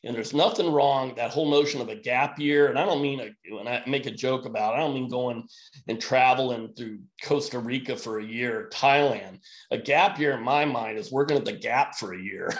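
An emergency physician appears as a guest on a podcast, talking in a blunt, emphatic, brisk way. His voice sits at a middle pitch, and the room adds a noticeable echo.

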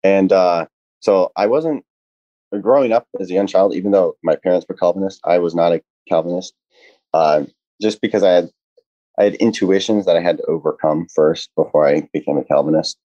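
Deep-voiced young man, muffled and halting. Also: mellow, no room sound. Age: young adult. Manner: earnest, halting, many "uh" and restarts. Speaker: podcast guest. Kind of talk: casual podcast conversation.

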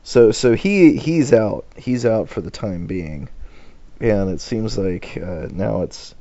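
A man in a casual book discussion, talking in a relaxed, hesitant way with many fillers and restarts. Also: lowish voice, takes it slowly, no echo, lo-fi sound. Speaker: podcast co-host discussing the Iliad.

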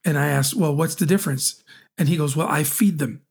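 Forties guy on a couples podcast, husky voice, lively, keeps repeating words as he gets going. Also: fairly high pitch, brisk. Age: 40s. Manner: animated, teasing, stammers on repeats. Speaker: podcast co-host. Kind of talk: casual chat.

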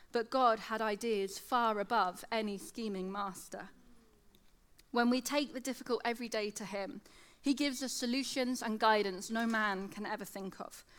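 A woman's voice: a little high, fairly bright tone. A woman in her thirties with a lateral lisp that turns s sounds slushy, giving a devotional talk. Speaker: secondary school teacher giving a devotional talk. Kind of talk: sermon, devotional talk with scripture reading.

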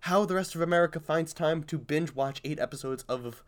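A man's voice: a little high, brisk. A man co-hosting a podcast in casual comedic chat, wry and mock-exasperated, getting over an illness with a lingering cough. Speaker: podcast co-host.

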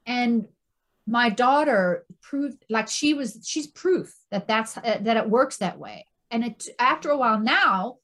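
Guesting on a casual interview, this middle-aged woman, a stress and anxiety coach, speaks in a slightly high voice at a measured pace. She's animated, frequently repeating words and tossing in "right?"

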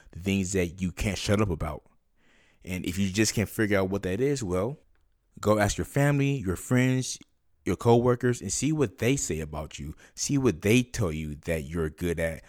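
A man's voice: low voice, a little mellow, no echo, studio quality. A man hosting a podcast, talking conversationally and instructionally, as if directly to one listener. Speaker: podcast host.

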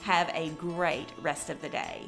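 Low-pitched woman podcast host over faint music. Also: steady tone, a little slow, vocal fry, fairly bright tone. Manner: encouraging, earnest. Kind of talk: devotional podcast introduction.

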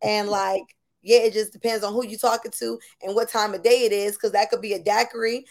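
A woman from Buffalo, New York, hosts a podcast with casual, chatty conversation, affirming the other speaker and filling her talk with "you know." Her mid-range voice is fairly flat in pitch and a little fast.

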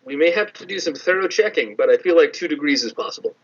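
A man's voice: fairly high pitch, expressive, fast talker, breathy edge. A man co-hosting a podcast in casual chat, wandering into tangents. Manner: rambling, tangent-prone. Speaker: podcast co-host. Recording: dull lo-fi sound.

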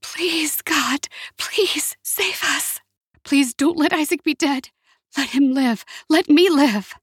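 A frightened young woman, anxious and pleading, her voice sitting well above her usual speaking pitch, as the woman narrator puts her on. Every line comes out dry and close, with no room around it, in the manner of an audiobook reading. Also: expressive, moderate pace, no room sound. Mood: desperate whisper.

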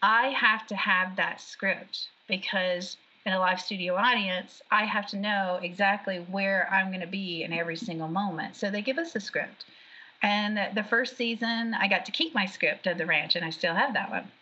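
Chatty woman actress talking about set work, bright voice, muffled lo-fi audio. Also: medium pitch, breathy edge. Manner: chatty, animated, quick restarts. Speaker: actress and background artist, guest. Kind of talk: casual interview chat. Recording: dull lo-fi audio.

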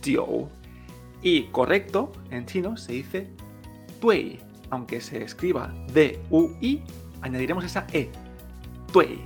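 A young man teaching Chinese pronunciation in Spanish, explaining slowly, repeating sounds and adding a checking "eh?". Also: fairly high pitch, sing-song, soft background music. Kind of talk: pronunciation lesson.

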